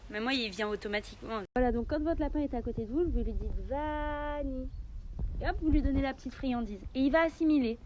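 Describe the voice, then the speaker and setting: A woman's voice: on the high side, fast talker, hardly any pauses, darkish tone, slight background noise. A young woman making a casual vlog tutorial, chatting with lots of hesitant fillers. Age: young adult. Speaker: pet vlogger.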